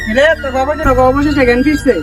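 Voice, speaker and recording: Very high, flat-toned Bangladeshi comedy character played by a man, sketch dialogue. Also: rapid-fire. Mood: exasperated. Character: fast-talking man in a drunkards' comedy sketch. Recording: loud music over the voice.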